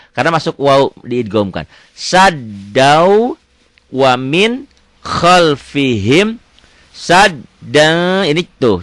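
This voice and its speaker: A middle-aged man teaches Quran reading in a casual, chatty way. His voice sits at an ordinary pitch for a man. He drops into quiet asides, then recites loud and drawn out, in a dry, close recording. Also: no echo. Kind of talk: casual online lesson.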